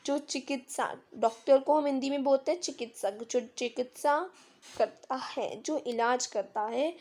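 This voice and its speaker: Slow high-voiced woman teaching grammar. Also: darkish tone. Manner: patient, explains with simple examples and quiz questions. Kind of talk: screen-recorded grammar lesson. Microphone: device mic of a screen recording.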